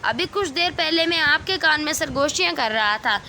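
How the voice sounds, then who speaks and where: A woman's voice: sits high, expressive, bright, forceful tone, a little hiss or hum. A woman doing Mattar ka Dana, a tiny clever boy. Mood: cheerful. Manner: cheerful, playful, whispering at times. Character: tiny clever magical boy, size of a pea.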